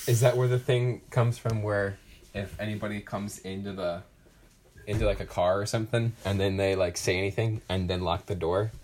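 Young male podcast guest, lower voice, casual chat, rambling and joking. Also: steady tone, moderate pace, a little mellow, a little hiss or hum.

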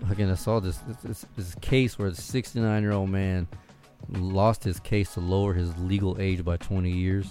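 A man's voice: low-pitched, fairly even intonation, normal speed, warm tone, faint music behind. A man in casual podcast chat among friends, swearing freely and laughing often.

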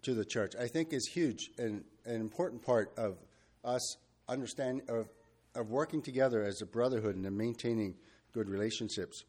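A man preaching a sermon, talking freely with fillers and restarts, and reading scripture in a steady measured cadence. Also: medium pitch. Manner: unscripted and searching, with restarts and fillers.

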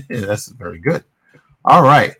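A man's voice: medium pitch, sing-song, slow, pushed and bright, breathy edge. A middle-aged man hosting a casual movie review, talking in a rambling way with many fillers and restarts. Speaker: podcast host.

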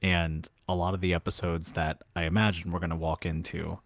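A man with a very deep voice chats on a podcast, upbeat and quick with his reactions. The sound is dry and close, with no room around it. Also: level tone, dry recording. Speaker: podcast co-host. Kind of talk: casual chat.

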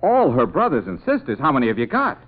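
An actor playing a breezy, wisecracking private detective in a 1940s radio drama. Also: male voice, mid-range voice, huge pitch swings, quick pace. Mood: amused. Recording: muffled vintage radio recording.

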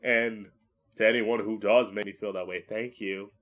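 A man's voice: fairly low pitch, fairly even intonation, normal speed, fairly bright tone. A man who hosts a podcast as a drag queen, rambling solo in a campy, profane, self-mocking way. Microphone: podcast microphone, live streamed.

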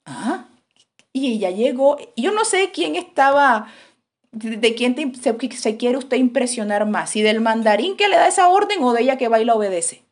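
Woman preacher telling a story, dramatic, acts out the quotes, slightly high voice. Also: animated, normal speed. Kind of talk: sermon storytelling.

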